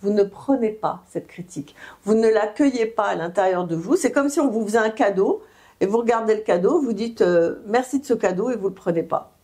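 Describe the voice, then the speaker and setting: A woman's voice: mid-range voice, expressive, fairly quick, warm tone. A woman giving self-help advice, explaining steps didactically and often checking in with listeners, with hesitant fillers between phrases. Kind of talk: advice talk to camera.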